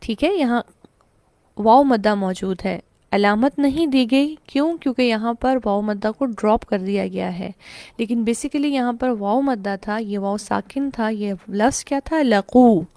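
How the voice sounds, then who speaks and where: Higher-voiced Pakistani woman teaching tajweed. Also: dark tone, no room sound. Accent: Pakistani Urdu. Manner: explains step by step, asks and answers her own questions, recites verses slowly. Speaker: Quran recitation teacher. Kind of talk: online tajweed lesson.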